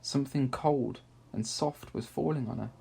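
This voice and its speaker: Mellow, creaky-voiced man reading a story. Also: medium pitch, normal speed. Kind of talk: scripted children's story narration.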